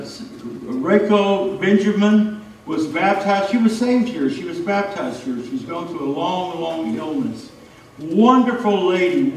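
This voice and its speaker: Slow high-voiced preacher in echoey church. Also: male voice, recorded from a distance, slight background noise. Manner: earnest, repeats phrases for emphasis. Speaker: pastor. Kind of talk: sermon. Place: church sanctuary.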